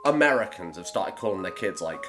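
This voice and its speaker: A man's voice: deep voice, expressive, a little fast, music in the background. A young man in his twenties co-hosting a casual chat, sarcastic and sweary, with mocking asides. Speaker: co-host.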